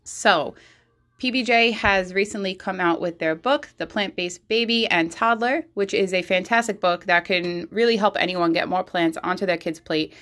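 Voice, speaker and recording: A woman's voice: medium pitch, moderate pace, a bit bright. A young adult woman giving an enthusiastic, casual podcast introduction as host, recorded in her bathroom at home.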